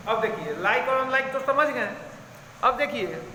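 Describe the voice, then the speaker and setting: A male math teacher with a very high voice, teaching a lesson in a classroom. He quizzes the class and answers himself, drilling each term over and over. His voice rings through a strongly echoing room with a long reverb tail. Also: animated, normal speed. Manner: asks questions and answers them himself, repeats key terms. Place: school classroom. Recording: very echoey classroom, faint room noise.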